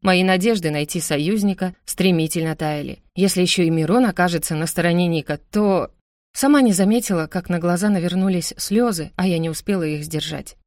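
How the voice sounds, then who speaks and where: A woman narrating a first-person audiobook in an expressive reading voice. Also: on the low side, a little fast, dry recording, studio quality.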